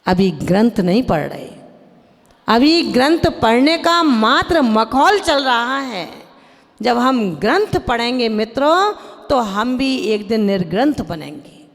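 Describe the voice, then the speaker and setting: A woman preaches a slow, deliberate sermon in a fairly high voice, pausing to chant scripture verses. She questions and chides her listeners directly. Her voice rings with the long reverb of a large hall. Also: very animated. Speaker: Jain nun preacher.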